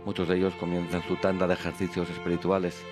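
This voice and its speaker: A man's voice: deep voice, completely flat delivery, fast talker. A man commentating on a religious broadcast of a Mass. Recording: loud music under the voice.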